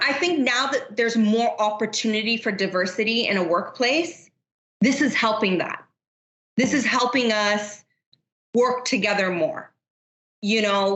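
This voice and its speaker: A woman's voice: on the high side, fairly bright tone, dull audio. Candid middle-aged woman in an echoey room. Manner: candid, talkative, many fillers like you know. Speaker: guest, business unit manager. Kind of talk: casual interview chat.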